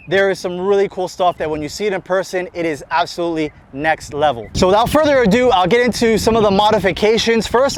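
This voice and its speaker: An American man with an energetic, enthusiastic manner, talking fast and unscripted as he presents a car outdoors on a city street. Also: sits high. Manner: energetic, enthusiastic, talks fast in long run-on sentences. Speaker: shop owner presenting a car.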